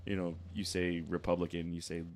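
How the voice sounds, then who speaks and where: Deep-voiced blunt man ranting. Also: little pitch movement, a little fast, slight background noise. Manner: blunt, swears a lot, riffs in rants. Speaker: podcast co-host. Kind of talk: casual crude banter.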